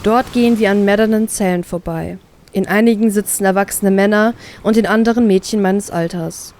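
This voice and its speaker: A woman reading a first-person fan fiction story aloud, expressive and giving the characters' lines their own colour. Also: mid-range voice, fairly quick.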